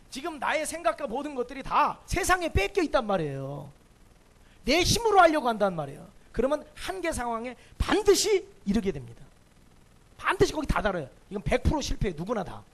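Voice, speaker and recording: High, lively male pastor preaching. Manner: emphatic, asks the congregation rhetorical questions. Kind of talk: sermon.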